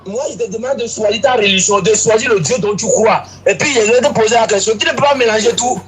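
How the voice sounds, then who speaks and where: Rapid, high-voiced insistent man. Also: a loud crowd. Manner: insistent, repeats demands. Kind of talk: heated interfaith debate.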